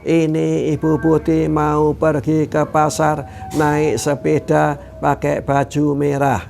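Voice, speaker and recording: A man putting on a little first-grader reading a schoolbook out loud, every word in the same flat sing-song. The voice sits a bit higher and slower than a grown man's usual talk, with a gravelly grain and a slightly distant sound. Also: faint music behind. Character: small child reading a schoolbook aloud in flat monotone.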